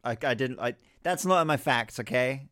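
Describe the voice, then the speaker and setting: Podcast co-host: London man, clean dry sound, animated delivery, jokey, sweary, trivia-minded. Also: mid-range voice, moderate pace, no room sound. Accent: London English. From West London, England. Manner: jokey, swears freely, reads off trivia facts. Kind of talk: casual chat over a live watch-along.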